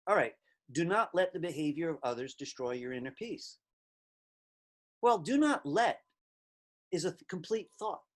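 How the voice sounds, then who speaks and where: A middle-aged man delivering a recorded class lecture in an easy conversational way. His pitch rises and falls a lot, and he leans hard on the words he wants to stress. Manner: conversational, reflective, emphatic on key words. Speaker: teacher.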